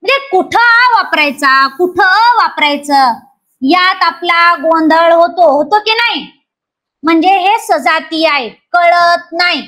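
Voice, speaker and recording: A woman from Maharashtra with a teaches a grammar class for exam aspirants. Her voice sits very high. She keeps quizzing the students and repeats each rule until it sticks. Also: takes it slowly. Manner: lively, questions students and repeats key points.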